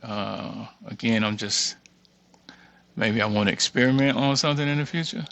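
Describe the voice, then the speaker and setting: A man with a gravelly, fairly bright, medium-pitched voice talks at a moderate pace while hosting an unscripted tutorial. He mutters to himself, reading items off one after another and thinking aloud as he walks through his screen share.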